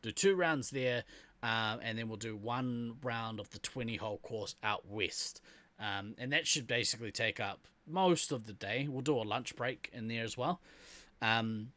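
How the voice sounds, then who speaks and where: Bright, laid-back New Zealand man. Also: medium pitch, normal speed, dry recording. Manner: easygoing, rambling, laughs often. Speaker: podcast co-host. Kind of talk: casual chat.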